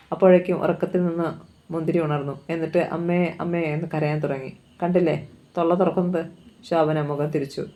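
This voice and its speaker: A woman reads a novel aloud, carrying the story at a steady pace and giving the dialogue light character voices. She has a low-pitched, warm voice.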